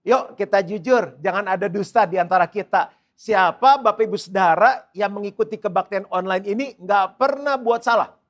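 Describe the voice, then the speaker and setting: A middle-aged man preaching as a pastor to an online church service, chatty and animated, telling stories from his own life. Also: high voice, moderate pace. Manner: conversational, animated storytelling with acted quotes. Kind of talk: sermon.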